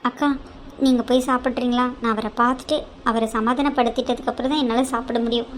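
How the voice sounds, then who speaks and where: A woman's voice: fairly high pitch, fairly even intonation, quick pace, slight background noise, close to an everyday voice. A woman voicing a young, emotional wife in a cartoon drama, pleading and devoted to her husband. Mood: tearful.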